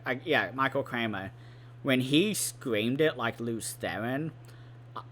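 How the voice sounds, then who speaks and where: A man's voice: on the low side, sharp tone. A man hosting a book channel, ranking fantasy novels in rambling, enthusiastic casual talk, with lots of fillers and some swearing.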